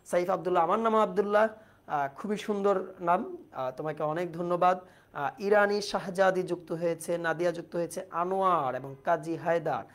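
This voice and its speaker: A woman's voice: on the low side, brisk. A woman teaching an online exam-prep lesson. She explains patiently, asks the students questions and reads out their comments.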